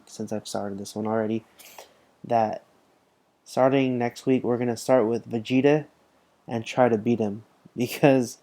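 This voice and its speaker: A man's voice: medium pitch, warm tone. A tired young man rambling casually as he comments on a mobile game he is playing, full of fillers and restarts. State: tired, yawning. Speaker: gaming channel host.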